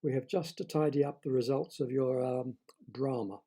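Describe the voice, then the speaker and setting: A man playing a stony, coolly formal car salesman who speaks deliberately. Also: mid-range voice, dark tone, close to an everyday voice.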